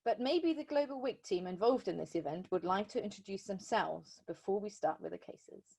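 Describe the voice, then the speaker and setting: A woman hosting an online medical webinar, introducing the event in a measured, polite and formal way. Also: medium pitch, creaky, dark tone, husky. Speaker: event organizer and host.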